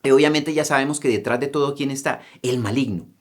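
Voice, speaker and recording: Man, pastor, sermon, rhetorical questions, dramatic raised cries, mid pitch. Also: quick pace. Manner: asks rhetorical questions, adds "¿mm?" and "¿sí?".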